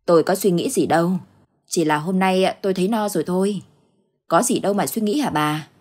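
A woman's voice: lowish voice, a little fast, darkish tone, close to an everyday voice. Woman voicing an anxious old village husband. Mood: denying.

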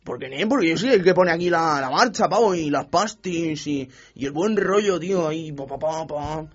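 A man's voice: a little high, normal speed, slightly rough. A man doing a rowdy slangy club kid. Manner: rowdy, slangy, stammering, loud. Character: brash young male tuning fan and club DJ. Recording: dull radio studio sound with faint music.

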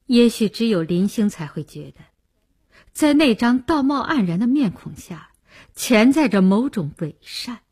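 A woman reads a novel aloud with expressive, scripted storytelling. Her voice is husky and grainy, yet her pitch ranges widely, giving the reading a lively shape. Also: unhurried. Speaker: audiobook narrator.

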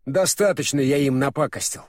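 A man's voice: medium pitch, fairly quick, no echo, studio quality, natural voice. A man voicing a stubborn, boastful former king, a reformed middle-aged man, in an audiobook. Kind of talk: audiobook character voice.

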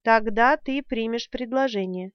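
A woman reading the part of a young woman who forcefully demands and shouts while hiding heartbreak, in an audiobook character reading. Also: mid-range voice, measured pace, no room sound, muffled recording, close to an everyday voice. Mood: insistent.

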